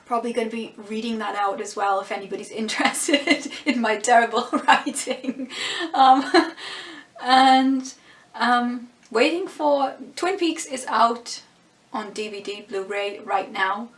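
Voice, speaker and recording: A woman with a voice on the high side talks at a measured pace in an echoey room, sharing casual vlog thoughts on a TV show. She mentions her voice is going and muses aloud, restarting often and laughing softly.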